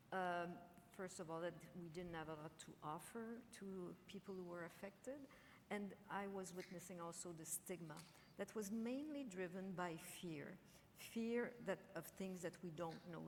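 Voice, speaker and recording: A woman's voice: on the low side, vocal fry, a little hiss or hum. A woman doctor introducing herself on a conference panel, speaking thoughtfully with many fillers. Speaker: infectious disease physician, panelist. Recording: reverberant hall with faint ambience.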